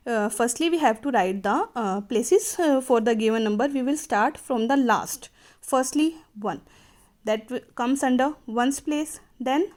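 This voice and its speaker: A woman teacher with an Indian accent explaining a maths lesson, slow and careful in English and switching to quick Hindi asides. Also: high voice, darkish tone.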